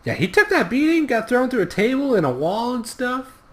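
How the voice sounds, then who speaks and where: Man, casual recap, jokey and swearing, animated pitch. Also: fairly quick. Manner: swearing, jokey, acts out characters. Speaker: podcast co-host.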